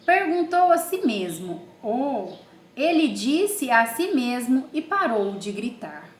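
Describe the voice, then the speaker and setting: A woman's voice: high-pitched, echoey room. A woman teacher giving an online class and reading a story aloud, asking questions and answering them herself.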